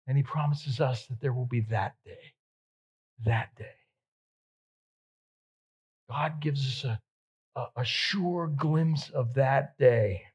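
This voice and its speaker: A male pastor preaching at an unhurried, deliberate pace. His voice carries a husky edge as he rises to emphatic peaks and drops to near-hushed tones, repeating words to drive them home. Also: mid-range voice. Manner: swings between loud emphatic peaks and soft, hushed drops. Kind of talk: sermon.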